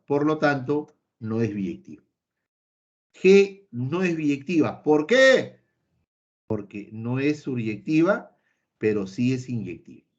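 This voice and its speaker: A man with a fairly high, darkish voice teaches a math lesson recorded online, talking straight to his students and emphatically repeating the key points. He playfully voices an imagined student answering him. The lo-fi audio sounds slightly dull.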